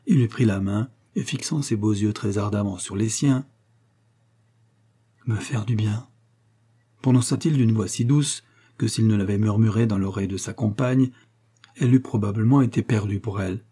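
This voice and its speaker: A man narrating an audiobook at a measured storytelling pace. His voice sits low, with a dark, mellow and husky tone.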